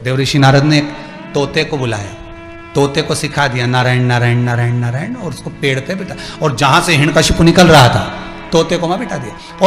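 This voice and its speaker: A man with a sharp, forceful voice and a fairly high pitch delivers a devotional sermon, climbing to emphatic peaks as he lists examples. He acts out the story's dialogue himself. The sound comes from a large, reverberant hall with faint music behind him. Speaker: religious storyteller.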